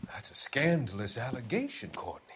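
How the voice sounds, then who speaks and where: A man playing a patronizing, sinister doctor in a video game, formal and measured, soothing with false innocence. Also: mid-range voice, wildly swooping pitch, noisy background. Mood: feigned innocence. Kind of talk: dramatic video game acting. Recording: music behind.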